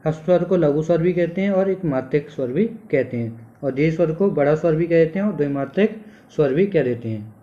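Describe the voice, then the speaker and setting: A man's voice: on the high side, expressive, fairly quick. A male teacher giving a classroom lecture, asking the class questions and then answering them himself. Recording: dull lo-fi sound.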